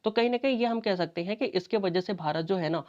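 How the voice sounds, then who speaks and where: A woman's voice: medium pitch, fast talker, a little mellow. A woman teaching an exam-prep lecture, talking conversationally and asking and answering her own questions. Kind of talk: explanatory lecture. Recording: dull lo-fi audio.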